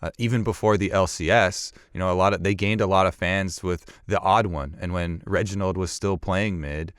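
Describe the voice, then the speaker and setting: A man's voice: deep voice, fairly even intonation, moderate pace, smooth, no echo, studio quality. A man who is a guest on a podcast, talking thoughtfully with a few hesitant restarts. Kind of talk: casual podcast chat.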